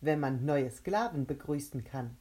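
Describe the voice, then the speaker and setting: A woman voicing a gloating male monster made of a huge mouth, who taunts and shouts triumphantly. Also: very deep voice, unhurried, husky, full character voice.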